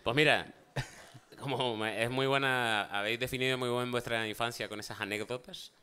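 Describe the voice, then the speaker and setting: This man speaks at normal speed in a smooth, mid-range voice. Appearing as a talk show guest, he chats casually about funny childhood episodes, an animated storyteller who imitates the voices of those in his anecdotes.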